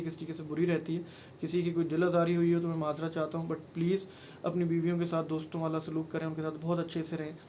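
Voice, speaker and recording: Earnest high-voiced man. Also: a little mellow, slight background noise. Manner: earnest and pleading, mixing in English phrases. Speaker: vlogger. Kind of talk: personal advice talk to camera.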